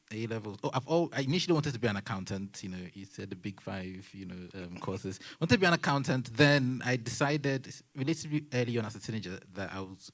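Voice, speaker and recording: Male panelist, 30s, low voice, relaxed storyteller with humorous asides. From Nigeria. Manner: chatty storytelling with self-mocking asides and laughs. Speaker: panelist, technology consultant. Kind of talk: panel testimony at a church young adults session.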